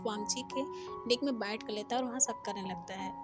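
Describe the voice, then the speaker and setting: A woman narrating a fan fiction story in a plain, steady storytelling manner. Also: medium pitch, a little fast. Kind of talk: reading a story aloud. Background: background music.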